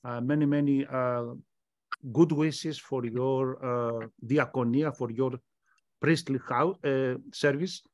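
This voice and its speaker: A man speaking as a panelist in an academic discussion, measured and hesitant. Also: medium pitch, fairly even intonation, no room sound, clean studio sound. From Greece.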